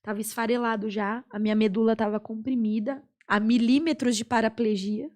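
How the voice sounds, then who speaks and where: A woman's voice: on the high side, steady tone, a little mellow. Young brazilian woman telling her story. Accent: Brazilian Portuguese. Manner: earnest storytelling with many pauses and fillers. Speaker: podcast guest. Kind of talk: personal testimony in a podcast chat.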